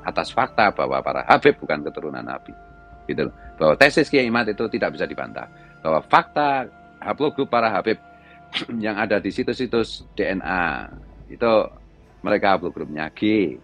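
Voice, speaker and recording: A middle-aged religious commentator with a Javanese accent and a deep voice launches into a heated monologue, scolding loudly with his voice raised.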